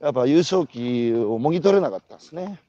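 A man with a Tohoku accent hosts a conversation while walking outdoors, his pitch sitting somewhat high and swinging widely as he builds his points. His tone is mellow and dark, and the sound is dry and a little dull. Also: quick pace, no echo. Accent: Tohoku Japanese. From Iwate, Japan. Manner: animated, storytelling with rhetorical questions. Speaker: host.

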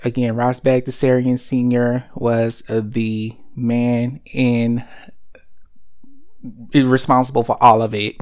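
Smooth-voiced man rambling casually. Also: medium pitch, darkish tone. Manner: rambling, full of fillers and self-corrections. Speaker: host of a cereal and cartoon segment.

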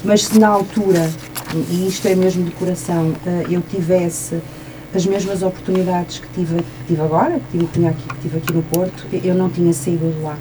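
A woman's voice: fairly low pitch, little pitch movement, brisk. A woman from northern Portugal with a European Portuguese accent, speaking casually as a guest in a radio interview. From Trás-os-Montes, northern Portugal. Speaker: studio guest, a doctor by title. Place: radio studio. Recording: noticeable background noise.

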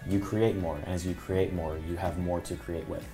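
A very low-voiced man talking as a podcast guest, reflective and meandering. His casual speech is full of ums and restarts. Faint music sits low in the background. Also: steady tone, normal speed, dark tone. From Mexico. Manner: reflective, filler-heavy, musing.

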